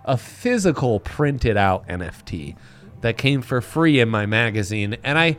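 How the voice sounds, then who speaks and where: A man's voice: medium pitch, big pitch swings, unhurried, a bit bright. An American man hosting a sports betting show in casual, bantering chat.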